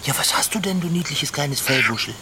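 A man playing a cheerful, easily charmed young bicycle mechanic in a children's radio play, lively and gushing. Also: a little high, brisk, noisy background. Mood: cooing. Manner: lively, gushing, coos over cute animals.

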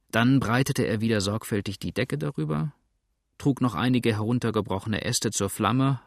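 A man reads an adventure novel aloud in a steady, even storytelling manner. His voice is fairly low with a gravelly grain. The recording is dry and close, with no room sound. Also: dry recording. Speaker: audiobook narrator. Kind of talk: scripted narration.

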